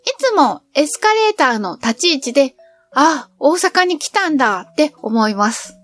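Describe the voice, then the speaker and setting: A middle-aged woman tells of her travels in a cheerful, chatty way. Her voice sits high and moves in lively, animated swoops. Faint music plays under the narration. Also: normal speed. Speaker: travel vlogger.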